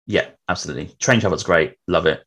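A native English-speaking podcast host has a low-pitched but fairly bright voice and talks fast. He runs a casual travel interview in a chatty style, frequently adding tag questions to his remarks.

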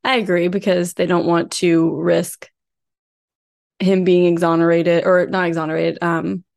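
This woman's voice sits on the low side, with a darkish tone, vocal fry, a flat delivery and a slightly slow pace. Co-hosting a true crime podcast, she narrates the case conversationally from researched notes, mixed with casual chat.

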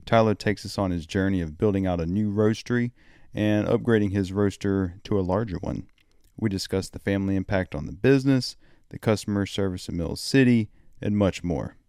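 Male podcast host, nasal, relaxed and casual; lowish voice, dry close sound. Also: fairly quick, clean tone, no echo. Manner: laid-back, says "dude".

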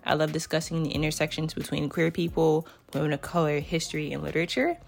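Low, gravelly voice of a young woman. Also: quick pace. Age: 20s. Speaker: podcast contributor, bookseller. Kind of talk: prepared self-introduction. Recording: podcast with faint music underneath.

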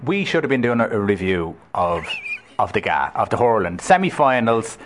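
Low-voiced sports host. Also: male voice, very animated, slight background noise. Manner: halting, restarts often. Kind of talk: casual sports chat.

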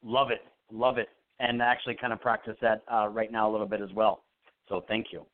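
A man's voice: fairly low pitch, flat delivery. Man calling in over a tinny phone line. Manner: friendly, with filler pauses. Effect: caller's voice over a phone line. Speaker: caller to a psychic radio show. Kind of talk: casual phone chat.

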